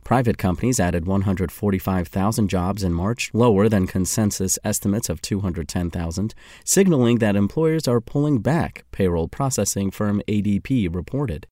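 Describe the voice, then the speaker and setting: A man reading scripted financial news in a formal, measured manner. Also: on the low side, warm tone, no room sound, studio quality. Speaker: news reader.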